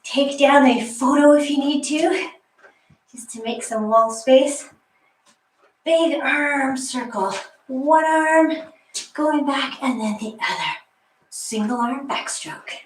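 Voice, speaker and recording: A woman's voice: high voice, slow, pauses often. Echoey basement fitness instructor, a woman. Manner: chatty, cueing moves between asides. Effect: echoey room sound. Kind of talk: live workout instruction. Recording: echoey basement room, voice far from mic.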